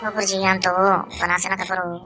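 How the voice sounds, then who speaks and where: A woman's voice: mid-range voice, level tone, moderate pace, bright, forceful tone, natural voice. A woman voicing a mischievous cartoon schoolboy who pleads and wheedles with his teacher. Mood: pleading. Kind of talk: cartoon voice acting. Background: background music.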